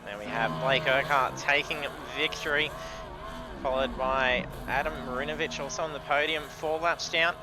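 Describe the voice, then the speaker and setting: A man's voice: mid-range voice, moderate pace, rough recording. An Australian man working as a race commentator and interviewer on a live sim racing broadcast. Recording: clear car noise behind. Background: vehicle noise.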